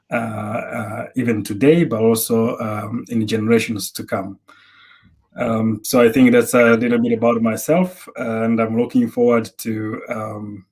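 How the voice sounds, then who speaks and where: A man's voice: fairly low pitch, breathy edge. A middle-aged man from Rwanda, answering interview questions thoughtfully with frequent hesitations. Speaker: interview guest. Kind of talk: measured conversational answers.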